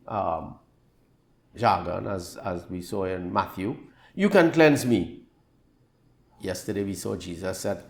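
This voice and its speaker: A man's voice: on the low side, vocal fry. A man preacher giving a daily devotional reflection on scripture, explaining it plainly and repeating phrases to drive points home.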